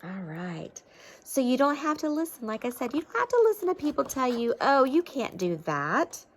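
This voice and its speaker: Reading a picture book to children, a woman speaks in a high, very animated voice at a slightly fast pace, with slight background noise. She adds chatty asides, offering simple, encouraging explanations and asking checking questions.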